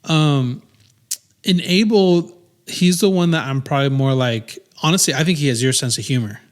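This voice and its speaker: A man's voice: fairly high pitch, moderate pace. A man in his thirties co-hosting a podcast in casual chat, rambling with many restarts and fillers. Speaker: podcast co-host.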